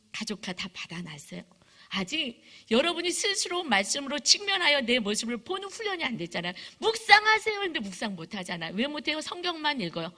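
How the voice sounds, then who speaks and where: A woman pastor giving a sermon in an animated way, acting out stories as she goes. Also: a little high. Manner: animated, acts out stories with voices.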